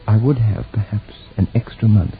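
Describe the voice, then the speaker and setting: A male actor playing a troubled nephew, telling his story in deliberate, brooding first-person radio narration. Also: fairly low pitch, soft background music, close to an everyday voice. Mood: haunted, questioning. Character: haunted, troubled nephew recounting his strange tale. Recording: tinny, narrow-band old radio recording.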